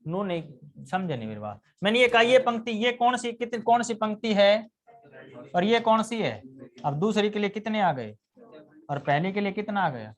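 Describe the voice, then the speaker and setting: A man's voice: high voice, very animated, moderate pace. A man teaching a live grammar lesson, constantly quizzing his students with questions and answering them himself.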